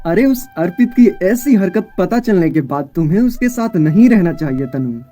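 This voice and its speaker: Man voicing a manipulative ex-boyfriend villain for an audio story, warm, very dark tone, slightly high. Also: lively intonation, moderate pace, faint music behind. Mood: pleading. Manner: pleading, then gloating. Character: scheming young male ex-lover, manipulative. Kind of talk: Hindi audio drama acting.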